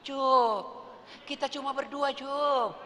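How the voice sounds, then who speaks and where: A man doing a scheming noblewoman who coaxes and wheedles in a high, bright, lively voice. Her sweet-talk rings out with a long hall reverb and faint ambience behind it. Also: slow, exaggerated voice. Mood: coaxing. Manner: coaxing, wheedling, pet-name calling. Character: scheming seductive noblewoman, coaxing then shrill.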